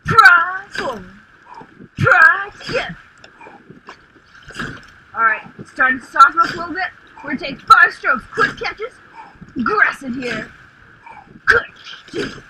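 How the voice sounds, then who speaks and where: A young woman coxswain in a rowing shell, calling clipped, rhythmic stroke commands through the boat speaker, building to urgent shouts on the power pushes. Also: very high voice, sing-song, measured pace, pauses often. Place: outdoors on the water in a rowing shell. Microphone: coxswain headset mic. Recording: noisy outdoor coxswain headset recording.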